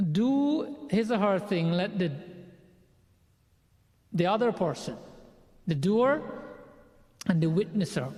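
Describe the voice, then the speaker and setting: Man, pandit, spiritual sermon, earnest, repeats phrases, high-pitched voice, long hall reverb. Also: darkish tone. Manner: measured delivery, building lists of phrases. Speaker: pandit leading a prayer session.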